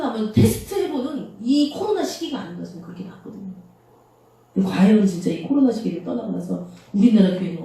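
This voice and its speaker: A woman's voice: a little high, mellow. A woman pastor preaching a sermon in a small church, talking conversationally and asking the congregation rhetorical questions. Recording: very echoey room, voice from far off.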